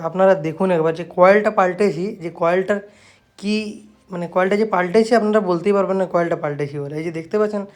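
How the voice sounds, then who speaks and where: This repair shop owner's voice sits high with a darkish tone, and he has a West Bengal Bengali accent. In a casual shop video he shows his work to viewers, often repeating himself and tacking on confirming tags out of habit.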